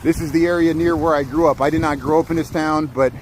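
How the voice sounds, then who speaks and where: A man's voice: a little high, steady tone, fast talker, darkish tone, slight background noise. Middle-aged man, easygoing streamer who rambles on the move outdoors; faint street ambience. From Southeast Indiana. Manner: rambling, lots of fillers and restarts. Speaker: live streamer. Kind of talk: casual walking livestream. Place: outdoors on a small-town main street.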